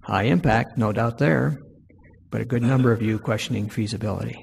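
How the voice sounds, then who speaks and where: A man presenting poll results to an audience, reading each item aloud more loudly and slowly. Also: fairly low pitch, creaky, breathy edge. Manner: reads each item aloud louder and slower. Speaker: presenter leading a workshop poll. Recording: long hall reverb.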